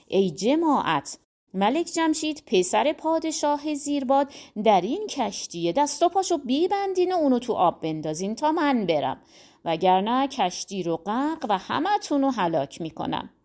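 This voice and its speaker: A monstrous sea whale roars its demands in a raised, loud storybook voice, as a woman reader puts it on. Its threats come out bellowed and swinging in pitch, the telling of a folk tale read aloud. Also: sing-song. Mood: menacing.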